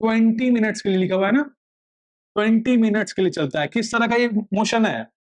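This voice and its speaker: In a classroom lecture, a man teaches physics in a high, brisk voice. He asks questions aloud and answers them himself, slipping English phrases into his explanation.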